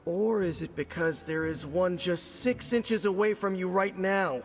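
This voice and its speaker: A man's voice: sits high, measured pace, big-room sound, faint music behind. An actor playing an eager, joking young male spider hero in a video game. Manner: playful, eager to please.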